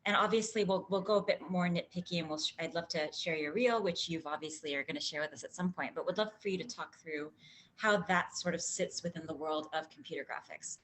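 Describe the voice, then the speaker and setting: A woman's voice: lowish voice, a little fast, a bit bright, slight background noise. A woman hosting a webinar interview who speaks hesitantly, with frequent "um"s, as she introduces and questions her guest. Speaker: interview host.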